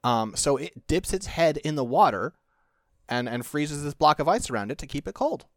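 A man's voice: fairly high pitch, sing-song, normal speed, no room sound, studio quality. A man co-hosting a casual podcast, explaining things in a wry, offhand way. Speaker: podcast co-host.

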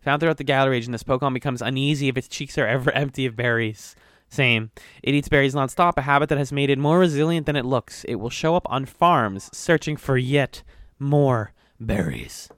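Male podcast co-host, casual and playful, smooth resonant voice, dry close mic. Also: medium pitch, brisk, fairly bright tone, no echo. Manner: chatty, playful, trails off with fillers.

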